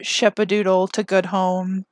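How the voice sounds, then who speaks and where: A woman's voice: mid-range voice, level tone, measured pace, no room sound, clean studio sound. A young woman hosting a podcast, telling a personal story in a chatty, self-deprecating way that turns emotional at times. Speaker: podcast host. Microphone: camera mic.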